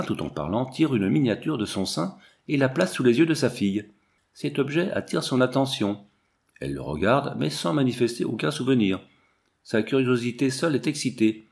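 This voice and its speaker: A man narrating a novel as an audiobook, in a measured, expressive storytelling manner. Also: medium pitch, vocal fry.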